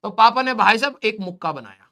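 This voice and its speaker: A man's voice: high voice, lively intonation, brisk, pushed and bright. A male physics teacher giving a joking classroom lecture, roasting his students as he draws. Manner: teasing, roasting students while drawing.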